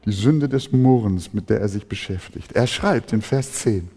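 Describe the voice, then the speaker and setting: Here the preacher's voice sits on the low side and has a dark tone, moving at an ordinary pace. He preaches passionately, occasionally mimicking members of the congregation complaining, and the hall's reverb lingers long.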